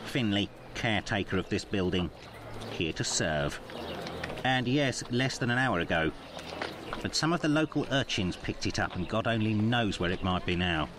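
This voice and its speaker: A man's voice: lowish voice, lively intonation, normal speed, lightly acted. A man doing a nervous, chatty caretaker. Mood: obliging. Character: fussy male building caretaker, timid. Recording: game audio with street noise.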